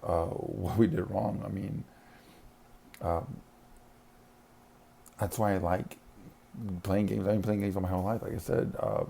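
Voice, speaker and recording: A school counselor with a low, dark voice and vocal fry rambles casually, restarting often and laughing briefly between points. There's slight background noise in this casual monologue.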